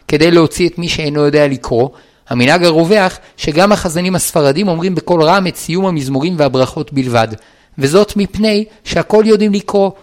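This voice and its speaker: A man reading a religious law book aloud in a measured, even, formal recitation. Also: fairly high pitch. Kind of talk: formal read-aloud of a text.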